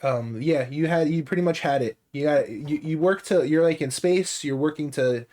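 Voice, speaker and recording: A man's voice: fairly high pitch, moderate pace, darkish tone. A man co-hosting a casual podcast, talking at length with many restarts and fillers. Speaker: podcast co-host. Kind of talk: casual chat.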